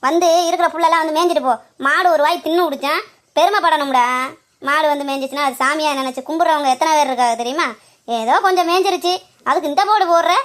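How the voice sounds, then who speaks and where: A bossy older village woman, voiced by a woman for a cartoon comedy. Her voice sits high and her words tumble out fast. She nags and scolds without pause. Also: expressive. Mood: furious. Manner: scolding, shrill, nagging.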